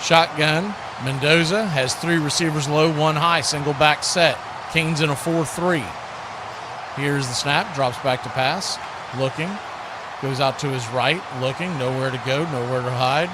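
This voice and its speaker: Unhurried and a little high-pitched, a man handles play-by-play commentary for live American football on a noisy stream. He talks in clipped bursts and lifts his voice whenever a big play comes.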